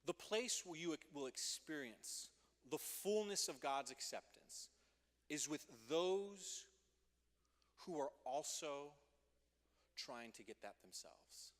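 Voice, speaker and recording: A man preaching a youth group sermon as youth pastor, playful and energetic, joking with the teens before turning earnest. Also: a little high, slow pace. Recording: long hall reverb.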